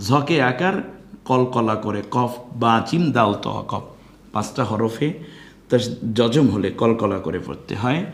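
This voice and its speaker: A man's voice: mid-range voice, animated, echoey room. A man teaching Quran recitation step by step, spelling out syllables and explaining pronunciation rules. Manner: spells out syllables slowly, then chants verses drawn out.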